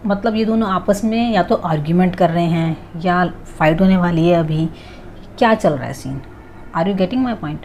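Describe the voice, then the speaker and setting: Low-voiced woman teaching English patiently. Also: dark tone, slight background noise. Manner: explains patiently, often checking in with "alright" and "okay"; mixes English phrases into Hindi talk. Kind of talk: casual spoken lesson.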